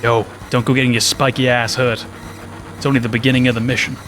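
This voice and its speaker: Bossy game rebel leader, read by a man, brusque orders, mid-pitched voice. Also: flat delivery, quick pace, a bit bright, soft background music, natural voice. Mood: commanding. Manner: brusque, commanding.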